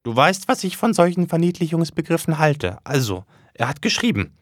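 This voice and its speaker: A man voicing an excitable, nosy mother who pushes eager, prying questions. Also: fairly high pitch, normal speed, no echo, clean studio sound, pitched above the performer's own voice.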